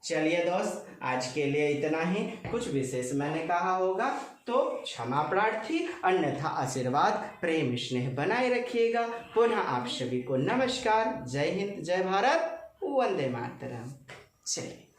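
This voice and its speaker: A man's voice: on the high side, big pitch swings, measured pace. A male teacher, giving a playful, chatty exam-prep grammar lesson and drawing out repeated words. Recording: very echoey room, voice from a distance.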